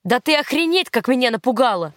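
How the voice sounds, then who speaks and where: A woman's voice: medium pitch, normal speed, no echo, studio quality, lightly acted. A woman reading the lines of a brooding German footballer who scolds in anger. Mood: angry. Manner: gruff, scolding.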